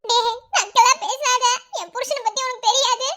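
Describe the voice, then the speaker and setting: A woman's voice: very high-pitched, steady tone, normal speed, heavy background noise. A woman voicing a feisty, scolding young kidnapped wife in a combative, melodramatic comic story. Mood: threatening.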